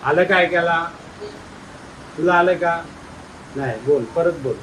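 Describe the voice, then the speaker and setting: A man playfully quizzing schoolchildren, coaxing and teasing them and urging them to speak louder. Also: on the high side, unhurried, slight background noise, low-quality recording. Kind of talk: playful classroom questioning.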